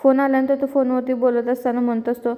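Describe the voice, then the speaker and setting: A woman casually retelling a serial episode in a lively storytelling manner, recorded in an echoey room. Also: high voice, quick pace. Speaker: serial recap narrator.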